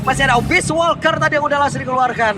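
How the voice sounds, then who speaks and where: A man with an Indonesian accent doing excited live play-by-play, like a fighting game announcer. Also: very high voice, rapid-fire, far from the mic, music in the background, crowd noise. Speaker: esports shoutcaster.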